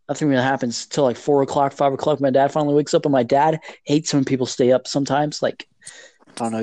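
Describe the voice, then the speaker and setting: A man's voice: medium pitch, a little mellow, no echo. A teenage boy telling funny stories in a rambling, laughing way, full of swearing and filler words. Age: teens. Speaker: podcast host telling stories. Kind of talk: casual storytelling.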